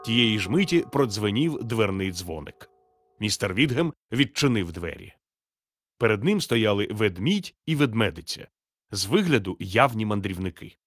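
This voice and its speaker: A man reads a children's storybook aloud, steady and measured with gentle expression. His voice sits low, recorded close and dry with no room sound. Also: dry recording. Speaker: narrator. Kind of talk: scripted storybook narration.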